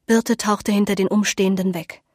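A woman narrating a novel in measured, scripted audiobook storytelling. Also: medium pitch, steady tone, dry recording, clean studio sound.

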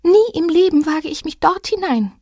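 A tiny timid forest creature. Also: female voice, lively intonation, no echo, clean studio sound. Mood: fearful. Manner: high, hushed and slow. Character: small timid lost forest creature, gloomy and fearful.

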